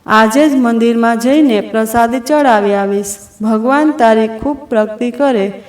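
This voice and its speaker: A woman's voice: on the high side, unhurried, darkish tone, recorded from a distance, close to an everyday voice. A woman voicing a domineering older mother-in-law who scolds and commands, in a roomy recording. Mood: forceful. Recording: roomy echo.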